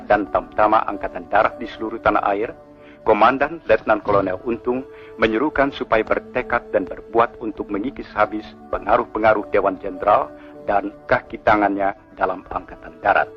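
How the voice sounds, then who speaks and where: A man from Indonesia reading an official statement in the formal, solemn, measured style of an old 1960s radio news bulletin, like a newsreel announcer. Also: on the low side. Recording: muffled 1960s archival radio broadcast, music behind.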